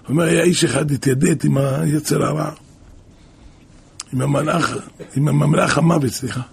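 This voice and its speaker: A man preaches a sermon, telling stories with a gravelly, husky voice. His pitch sits a little high. He keeps it animated, with one rhetorical question after another. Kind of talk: sermon with storytelling.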